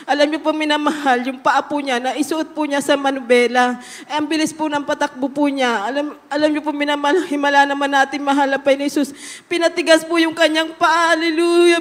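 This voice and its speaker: Fervent woman testifying in an echoing church hall. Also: high voice. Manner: fervent, often calling out hallelujah. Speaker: church member giving testimony. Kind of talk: religious testimony before a congregation.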